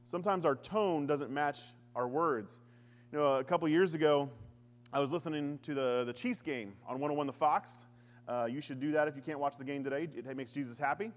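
A man preaching a sermon as a pastor, conversational with touches of humor and animated scripture quotes. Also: on the high side, fairly quick. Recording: church hall with long reverb.

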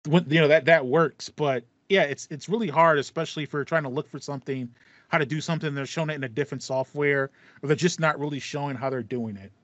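A young man hosts a podcast from a small indoor home room fitted with a foam panel, chatting casually and acting out his reactions as he tells stories. His voice is a little high, quick, and fairly bright, and the lo-fi recording has no room sound.

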